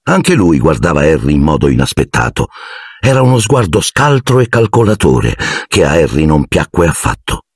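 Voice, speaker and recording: A man narrating an audiobook in an expressive, dramatic reading on a studio mic. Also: a bass voice, normal speed, slightly rough, no room sound. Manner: dramatic, shifting voices.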